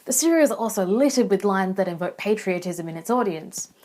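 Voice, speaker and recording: A young woman narrates a scripted video essay as a student, presenting an analysis. Her mid-range voice is expressive and a little mellow, and she speaks a little fast.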